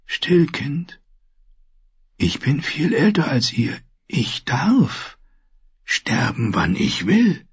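A man's voice: medium pitch, sing-song, extremely slow, long pauses, dry recording, muffled recording, pitched above the performer's own voice, heavily acted. A man voicing Luwin, a dying old maester. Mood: weak, grave. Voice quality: faint, breathy, half-whispered. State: in pain, dying. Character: old dying male maester, weak and gentle. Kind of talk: audiobook character voice.

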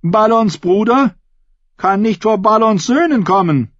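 A man's voice: high voice, lively intonation, a little slow, no echo, muffled recording, pitched above the performer's own voice. A man voicing a bold, mocking young woman who teases a crowd of sea captains in an audiobook. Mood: defiant. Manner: teasing, cocky, commanding.

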